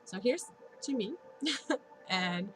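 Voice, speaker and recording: A woman's voice: fairly low pitch, normal speed, low-quality recording. A woman in her late thirties with a stuffy nose, talking earnestly and encouragingly to her vlog viewers, often laughing between thoughts. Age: 30s. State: congested. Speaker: vlogger and Reiki practitioner. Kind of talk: casual motivational vlog talk.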